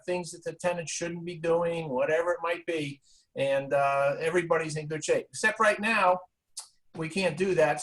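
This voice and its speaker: A man's voice: on the high side, fairly bright tone, rough recording. A man who manages properties, explaining his routine plainly and matter-of-factly. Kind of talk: brief panel advice.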